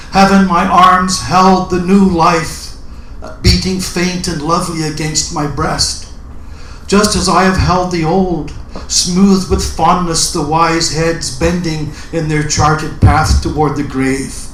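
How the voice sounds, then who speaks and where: A man at an open mic, introducing and reciting his poetry with measured, deliberate phrasing. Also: fairly high pitch, fairly even intonation, a bit bright. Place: indoor open mic event room. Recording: roomy live recording with background noise.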